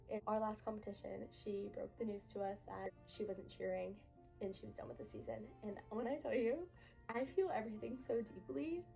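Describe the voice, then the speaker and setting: A woman's voice: mid-range voice, gravelly, dark tone, low-quality recording. A young woman vlogger telling a personal story to camera in a chatty, emphatic way, full of fillers.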